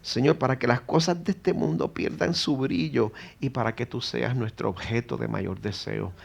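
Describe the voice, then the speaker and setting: His voice gravelly and slightly rough at medium pitch and moderate pace, a middle-aged Puerto Rican man preaches in a church sanctuary. The sermon is earnest, delivered in a Puerto Rican Spanish accent, and climbs to emphatic exhortation.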